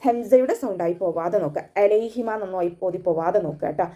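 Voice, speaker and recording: Calm woman teaching recitation. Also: fast talker. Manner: patient, step-by-step instruction; chants the verses in a high melodic tone. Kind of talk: tajweed lesson, recitation and explanation.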